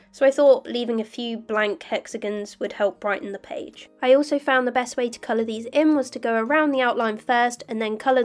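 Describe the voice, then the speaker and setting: Slightly croaky young woman. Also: fairly high pitch. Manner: calm, detailed step-by-step explaining. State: croaky voice from illness. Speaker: bullet journal vlogger. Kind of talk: voice-over narration of crafting.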